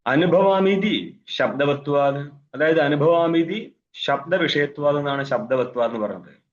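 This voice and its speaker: Speaking over an online video call, a swami leads a philosophy class on scripture, posing questions and answering them himself, reciting Sanskrit and dropping wry asides. His voice is on the high side and unhurried, and the audio sounds dull.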